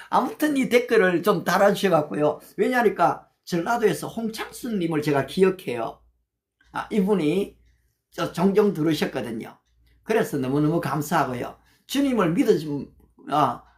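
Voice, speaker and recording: A woman pastor from Gyeongsang giving a livestreamed sermon, answering viewer comments and reciting English Bible verses slowly and carefully between conversational, encouraging remarks. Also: lowish voice, a little mellow. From Gyeongsang, Korea. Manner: conversational and encouraging, often addressing listeners directly.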